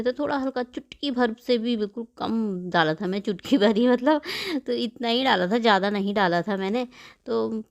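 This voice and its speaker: A woman vlogger narrating her home cooking in a fast, chatty voice-over. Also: fairly high pitch. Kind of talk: casual cooking vlog voice-over.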